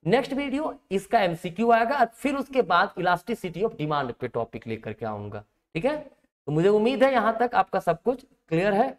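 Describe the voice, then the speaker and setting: A woman's voice: medium pitch, very animated, normal speed. A woman teaching economics for exam prep in Hindi mixed with terms, asking questions and then answering them herself. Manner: asks and answers her own questions, checks in often.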